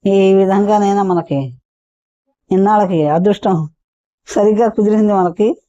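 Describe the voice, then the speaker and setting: A woman's voice: medium pitch, measured pace, mellow, dry recording, lightly acted. A woman storyteller voicing a fed-up, scheming poor housewife who complains plaintively, in a dull, muffled recording.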